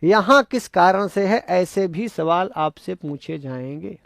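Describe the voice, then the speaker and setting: High-voiced, gravelly Sanskrit teacher, man. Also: animated, takes it slowly. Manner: emphatic, repetitive, rhetorical questions to students. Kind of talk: exam-prep grammar lecture.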